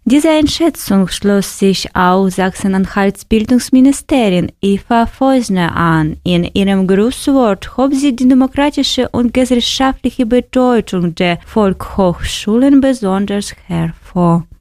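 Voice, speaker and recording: A woman from Ukraine, a journalist narrating a news report in a calm, measured way. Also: medium pitch, no echo.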